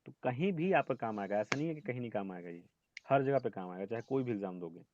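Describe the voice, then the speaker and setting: A man's voice: medium pitch, lively intonation, fast, lo-fi sound, noisy background. A man teaching a math lesson over an online class, explaining step by step and often checking with his students. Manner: explains step by step, asks "ठीक है?" often, scolds students gently.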